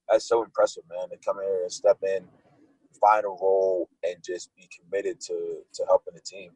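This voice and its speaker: A man's voice: low-pitched, darkish tone, husky, dry recording, poor audio. A young man, a football wide receiver, answering interview questions in a casual, laid-back way, full of likes and restarts.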